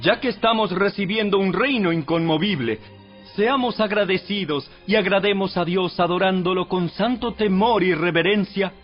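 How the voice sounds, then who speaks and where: A man narrating a dramatized audio Bible from a script in a solemn, measured, exhorting manner. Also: high voice. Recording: dull radio-like sound with music behind. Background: music.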